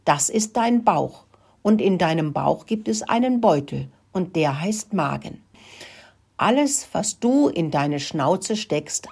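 A woman voicing a caring little male mouse who explains things patiently in a squeaky voice. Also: vocal fry, a little mellow, slightly rough, full character voice.

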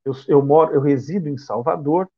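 A Brazilian man from São Paulo state gives a spiritist lecture in a reflective manner, posing rhetorical questions with a Brazilian Portuguese accent. His voice is on the high side and brisk, and the recording sounds muffled.

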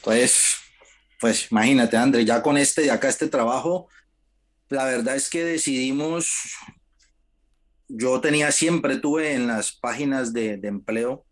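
A man's voice: mid-range voice, a little slow. A man, an interview guest telling his own story in a casual way and acting out what others said. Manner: animated, acts out quoted dialogue in shifted voices.

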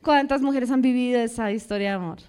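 A young woman preaching a lively sermon to a church congregation, firing questions at the people and acting out quoted voices. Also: a little high, fast, clear, resonant tone. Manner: animated, asks the congregation questions and acts out quotes.

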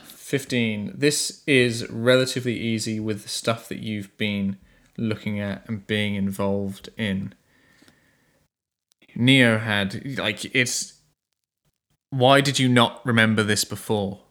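Male game master, sharp-edged tone, unhurried improvised storytelling with halting searches for the right word. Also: on the low side, steady tone. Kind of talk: improvised tabletop game narration.

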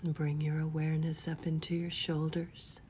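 A woman leading a guided relaxation in a soft, soothing whisper, gently giving unhurried instructions. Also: low-pitched, monotone, slight background noise. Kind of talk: whispered guided body-scan meditation.

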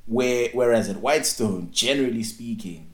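A man's voice: medium pitch, moderate pace. A man from Zimbabwe co-hosting a podcast, chatting casually and telling stories with acted-out quotes. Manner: animated storyteller, acts out quotes. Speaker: podcast co-host. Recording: roomy echo.

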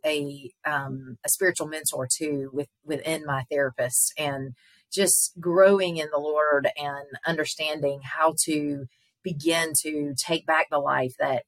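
A woman speaking as a therapist guest, earnest and halting with many filler pauses. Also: sits low, a bit bright, dry recording. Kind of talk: casual interview talk.

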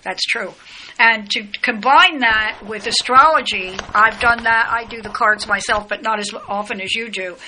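A woman hosts a casual podcast interview, steering the talk in a practical, matter-of-fact way. Her voice sits a little high and sounds bright and clear. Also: normal speed, a little hiss or hum, poor audio. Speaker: podcast host, astrologer.

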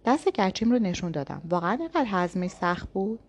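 A woman narrating a novel in the first person, in a calm, inward storytelling manner. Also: medium pitch. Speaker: audiobook narrator.

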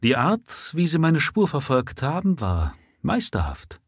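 In heavily acted, studio-quality audio with no room sound, a man voices an earnest dying avenger, pitching his voice above his natural one. The result is a little high and husky, a little slow, with wildly swooping pitch.

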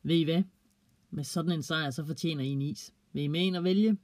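A man's voice: on the high side, darkish tone, no echo, lightly acted. A man voicing a kind, proud mother speaking to children in a children's audio story. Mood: warm. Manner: friendly, praising.

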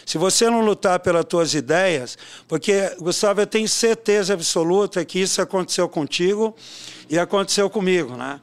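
Older man with a high, smooth voice. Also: normal speed. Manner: animated storyteller, peppers talk with tag questions. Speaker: swimming coach and educator. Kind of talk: casual interview talk.

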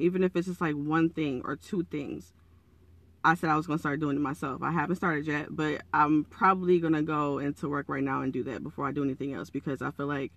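A man hosts a casual motivational podcast in a fairly high but gravelly, raspy voice, hoarse as if just up in the morning. He talks earnestly and encouragingly in a conversational way. The recording is dry and close, with little room sound. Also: fairly bright tone, no echo. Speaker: podcast host.

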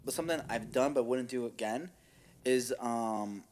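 A man's voice: mid-range voice, moderate pace, darkish tone, a little hiss or hum. A young man co-hosting a podcast, talking in casual, slangy, profane banter. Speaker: podcast co-host. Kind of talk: casual chat.

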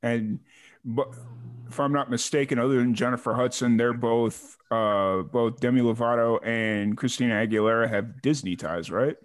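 A Chicago man hosts an interview, chatting casually in a friendly, rambling manner full of "uh"s and restarts. His mid-range voice is steady and moves at a normal speed.

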